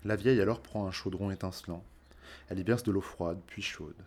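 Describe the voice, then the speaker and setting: A man narrating a storybook myth in a calm, measured way, phrases dropping softly. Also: low voice, breathy edge.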